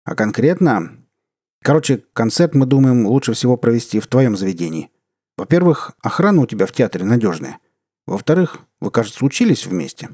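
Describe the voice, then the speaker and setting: A man's voice: medium pitch, sing-song, brisk, warm tone, husky, no echo, studio quality. A man voicing a pushy, over-familiar male official who talks on the phone. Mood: chummy. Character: chummy, pushy male deputy minister.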